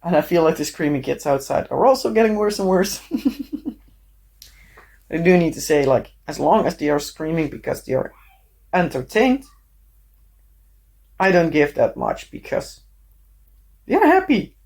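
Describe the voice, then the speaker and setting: A woman with a hoarse, sick voice, rambling casually with lots of fillers and coughs as she chats on her crafting vlog. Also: fairly low pitch, big pitch swings, unhurried, long pauses, a little mellow. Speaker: crafting vlogger. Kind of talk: casual chat while crafting.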